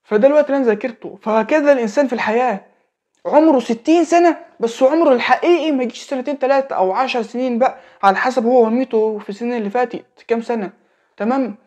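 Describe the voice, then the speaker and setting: In a very fast, extremely high, slightly mellow voice, a young man in his late teens gives an informal religious talk with an Egyptian Arabic accent. He repeats phrases and checks in with whoever is listening.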